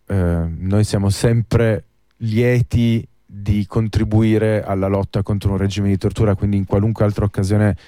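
A man's voice: fairly low pitch, steady tone, a little slow, dark tone, no room sound, clean studio sound. A man hosting a radio interview in a courteous, wordy, conversational way. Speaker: radio host.

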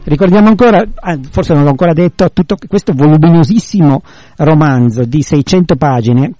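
A man's voice: on the high side, fairly quick, mellow, no room sound, faint music behind. A man in casual conversation retelling and explaining a classic novel, rambling with many restarts.

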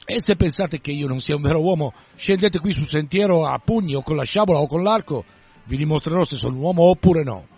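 A man voicing a brash young man who scorns girls, in a read-aloud novel scene, speaking boastfully and excitably. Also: fairly high pitch, brisk, slightly rough, faint music behind. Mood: challenging.

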